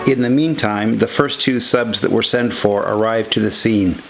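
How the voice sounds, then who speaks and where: A man with a lowish, creaky voice reads scripted narration at a normal speed for a historical documentary film, with music playing underneath him.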